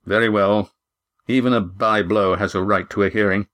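Man narrator doing a haughty official, coldly formal, edged politeness, low voice, audiobook reading. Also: fairly even intonation, moderate pace, a bit bright, natural voice.

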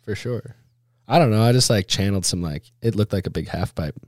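A man's voice: fairly low pitch, lively intonation, a little fast, a little mellow, no room sound, clean studio sound. A man telling stories in a casual, laid-back way as an interview guest, full of snowboarder slang, with "like" and "dude" all through. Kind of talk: casual chat, storytelling.

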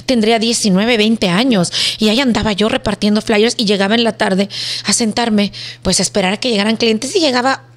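A woman's voice: mid-range voice, brisk. A woman in her fifties with a Mexican Spanish accent, a guest telling her story in a casual interview and acting out voices as she goes. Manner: animated, acts out voices in her stories. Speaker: guest, business owner.

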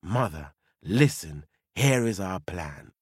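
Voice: sits low, expressive, takes it slowly, breathy edge, no room sound, clean studio sound, voice pushed down, exaggerated voice. A storyteller voicing a clever daughter who lays out a plan to her mother in a children's tale. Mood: scheming.

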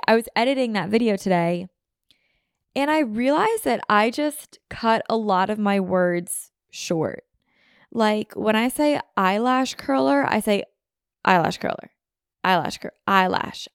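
In a chatty podcast monologue recorded in her apartment, a young woman from suburban Philadelphia, USA, wanders from thought to thought, cutting herself off and leaning heavily on "like"; she's slightly sniffly from a runny nose. She has a gravelly mid-range voice, captured dry and clean on a podcast mic on video, like a studio.

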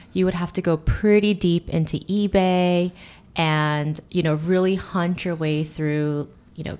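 A beauty company founder in her thirties, from the United States and Korea, answers interview questions as a guest, fluently and earnestly, sprinkling in many "you know"s and "really"s. Her voice is on the low side with a darkish tone.

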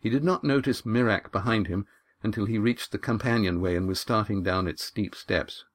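A man narrates a fantasy novel in an even, measured storytelling voice. His pitch sits on the low side, and he raises it a little for quoted speech. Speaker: audiobook narrator. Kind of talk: scripted narration.

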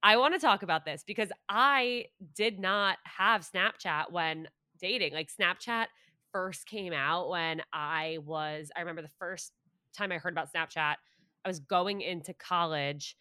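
A woman in her late twenties hosting a podcast interview, candid and self-deprecating, and quick to laugh. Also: on the low side, pushed and bright, dry recording, clean studio sound. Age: 20s. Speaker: podcast host. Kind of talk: casual interview chat.

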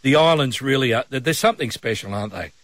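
A man's voice: medium pitch, lively intonation, fast talker, fairly bright tone, no echo. An older man with an Australian accent, presenting and chatting as a breakfast radio host. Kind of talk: commercial radio presenting and chat.

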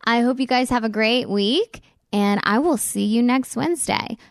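A woman's voice: fairly high pitch, normal speed, no echo, clean studio sound. A woman hosting a podcast in a casual, eager and chatty way. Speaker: podcast host.

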